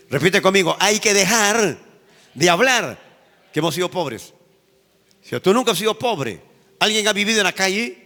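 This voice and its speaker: Man, pastor, emphatic sermon, repeats phrases, high voice, long church reverb. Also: bright, forceful tone.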